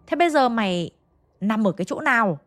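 A woman's voice: fairly high pitch, expressive, brisk, lightly acted. Bossy old village shaman barking orders, put on by a woman telling a ghost story. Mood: commanding. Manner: barking commands, rough and blunt. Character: stern older male village shaman, bossy.

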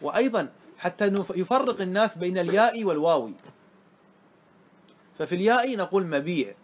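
A man's voice: high voice, slight background noise. A man teaching a grammar lesson to a class, explaining step by step and often stopping to check that students follow.

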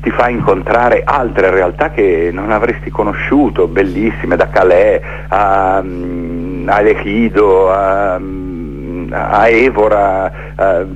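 Speaking slowly in a low, steady voice, a middle-aged theatre maker reflects on his life in a conversational radio interview, piling up lists with repeated phrases. The recording is muffled, with a little hiss or hum.

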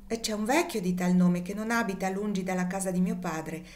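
A woman reading the part of a courteous, kindly young gentleman in an audiobook, with a polite, warm-hearted delivery. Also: medium pitch, fairly even intonation, fairly quick, a little hiss or hum, natural voice. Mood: answering.

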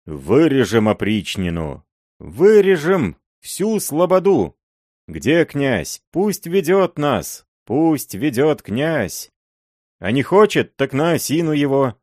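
A man voicing a drunken mob of robbers, shouting raucously in a raised voice. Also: medium pitch, huge pitch swings, unhurried, no room sound, studio quality, voice pushed up. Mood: rowdy shouting.

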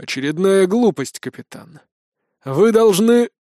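A scheming male villain who talks in a cold, measured tone, voiced by a male narrator. His voice is on the high side and recorded close and dry. He sounds like a storybook villain. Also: animated, warm tone, no room sound.

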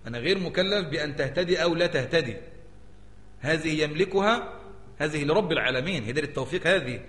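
An Egyptian sheikh lectures at a brisk clip, his slightly raised voice ringing through a large hall with a long, echoing tail. He teaches in a lively way, constantly tossing rhetorical questions back at the listeners. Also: fairly high pitch. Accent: Egyptian Arabic. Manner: animated, keeps asking the audience rhetorical questions. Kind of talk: religious lecture. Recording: echoey hall with long reverb.

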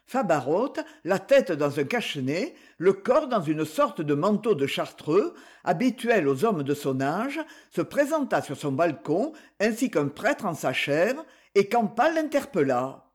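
A man narrates a novel aloud in an expressive storytelling manner. His voice sits high and moves in wide, lively swings. It suits an audiobook. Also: unhurried, breathy edge. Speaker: reader.

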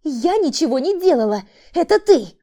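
A shrill, high-strung woman who schemes and then panics, pleading and defending herself, as an audiobook narrator plays her. Her voice jumps high and stays tense throughout. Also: expressive, normal speed, dark tone. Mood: panicked. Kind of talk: audiobook character voice.

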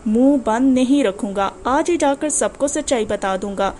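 A woman's voice: fairly high pitch, dark tone, a little hiss or hum, natural voice. A woman voicing a defiant, indignant young man in an audiobook, speaking firmly and heatedly.

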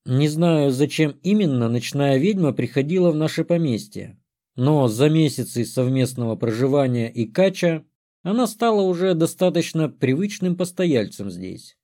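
A man narrates a comic fantasy audiobook in the first person with a wry, storytelling tone. His voice sits a bit high for a man, but it sounds mellow and dark, and it swings lively up and down through each sentence. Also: moderate pace.

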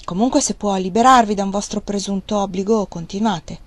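A woman's voice: brisk, no echo, natural voice. A woman reading aloud, voicing a proud young Victorian woman who answers with indignant dignity. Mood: cool. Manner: raised pitch, tearful indignation.

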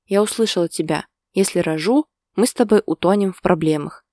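A woman's voice: on the low side, brisk, dark tone, no echo, studio quality, lightly acted. A woman voicing a tense, stubborn young woman in a storybook reading. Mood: hurt, resolute. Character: young woman, hurt and stubborn, wanting a child.

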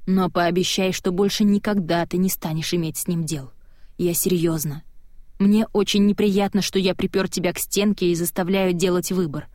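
A woman reading the lines of a stern, tired husband in an audiobook, firm, insistent and measured. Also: fairly low pitch, steady tone, a little mellow, dry recording, studio quality, lightly acted. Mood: firm, weary.

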